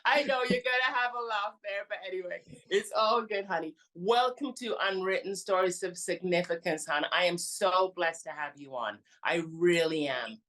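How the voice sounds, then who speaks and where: A woman hosts an interview show, greeting her guest and asking about his life. She calls him honey and hon again and again, in a somewhat low voice for a woman. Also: normal speed, few pauses, fairly bright tone. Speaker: show host. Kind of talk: interview hosting.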